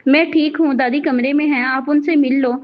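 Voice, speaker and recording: A woman voicing a quiet, timid young woman who speaks softly and fearfully. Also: high voice, steady tone, normal speed, lightly acted. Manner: soft and fearful. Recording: dull lo-fi recording.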